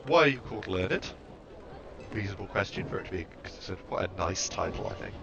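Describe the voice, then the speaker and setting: A man's voice: deep voice, lively intonation, a little fast, gravelly. A man casually commenting while playing a game and reading its text aloud, offhand and musing. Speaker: let's-play host. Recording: muffled lo-fi mic with background noise.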